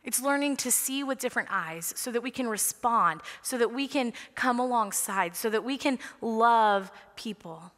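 Her pitch fairly high and her tone fairly bright, a woman delivers an earnest sermon with light humor on a large sanctuary stage. The headset mic picks her up amid the sanctuary's lengthy reverb.

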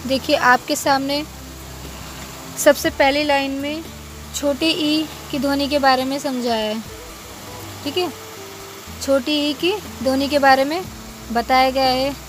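A woman's voice: sits high, fairly even intonation, takes it slowly, pauses often, a little hiss or hum. A young woman teaching a phonics lesson to small children, spelling words out letter by letter and calling the pupils "beta".

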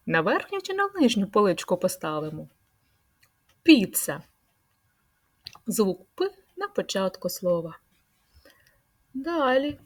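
Slow sing-song woman teaching small children. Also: medium pitch. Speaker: preschool teacher. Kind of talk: speech lesson for young children.

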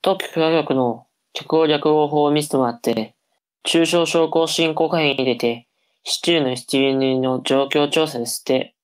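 Woman as a low-voiced teasing older brother. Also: measured pace. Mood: playful. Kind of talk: comic tongue-twister reading drama.

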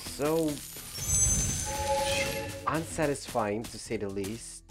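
While streaming a video game over music, a man who is phlegmy and still recovering from the flu rambles casually and chats with his viewers as he plays. His mid-range voice is expressive and slow-paced, fitting the casual live gameplay commentary.

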